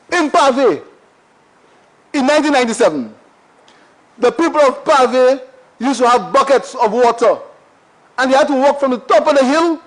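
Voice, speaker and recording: High-voiced Saint Lucian man addressing parliament. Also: low-quality recording. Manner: impassioned, repetitive, rhetorical questions. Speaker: member of parliament. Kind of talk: parliamentary speech. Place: parliament chamber.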